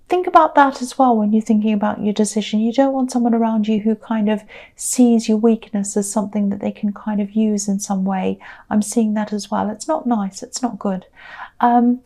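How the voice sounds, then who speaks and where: A woman giving a tarot reading to camera. Her voice is croaky and tired, and she talks in a gentle, reassuring way, repeating herself and using many fillers. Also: mid-range voice. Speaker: tarot reader.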